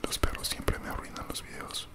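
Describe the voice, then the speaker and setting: Man whispering close-up ASMR. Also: normal speed. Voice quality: whispered, breathy, unvoiced. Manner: casual, chewing gum between phrases. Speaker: ASMR creator. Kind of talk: whispered ASMR chat while chewing gum. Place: small room indoors at home. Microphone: large desktop condenser mic, very close.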